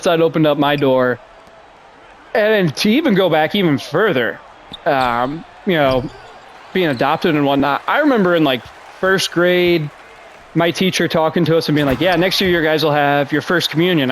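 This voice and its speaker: A young man from Russia rambles through a solo podcast in a slightly high voice, dropping fillers and swear words and cracking jokes at his own expense. Faint background noise sits under his voice. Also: animated, moderate pace. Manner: rambling, profane, self-deprecating, lots of fillers. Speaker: podcast host. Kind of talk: casual rambling podcast monologue.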